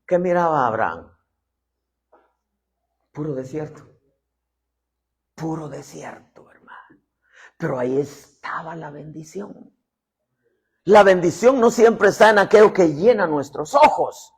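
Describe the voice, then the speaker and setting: A male preacher delivers a sermon with lively, swooping intonation. He lifts his voice into exclamations, then sinks into hushed whispers. His tone is husky and somewhat high. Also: unhurried, pauses often. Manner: animated, swinging from loud exclamations to hushed whispers; addresses listeners as "hermano". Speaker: apostle preaching.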